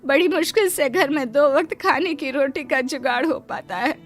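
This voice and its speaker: A woman's voice: sits high, moderate pace, faint music behind, voice pushed up, natural voice. A woman voicing a poor, humble maid in a cartoon story, pleading with her employer. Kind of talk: Hindi cartoon story dubbing.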